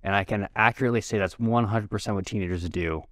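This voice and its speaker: A man co-hosting a casual podcast, talking quickly and tripping over his words as he rambles. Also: on the low side, a bit bright, no room sound, clean studio sound. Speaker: podcast co-host. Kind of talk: casual chat.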